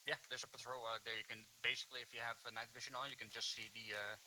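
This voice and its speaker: A man's voice: mid-range voice, fairly even intonation, very fast, pushed and bright, a little hiss or hum, rough recording. A man giving a casual report in tactical game voice chat.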